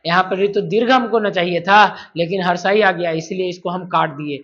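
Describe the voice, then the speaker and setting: A man's voice: high-pitched, fairly quick, a bit bright. A man teaches a grammar lesson, repeating syllables again and again and answering his own questions as he goes. The recording has a dull, lo-fi sound. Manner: repetitive, drills sounds aloud, asks and answers himself. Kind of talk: classroom-style lesson.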